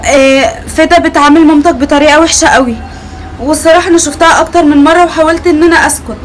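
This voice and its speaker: A woman's voice: high-pitched, fairly even intonation, very fast, close to an everyday voice. A woman playing a worried young sister-in-law who confides hesitantly over the phone, with an Egyptian accent. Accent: Egyptian Arabic.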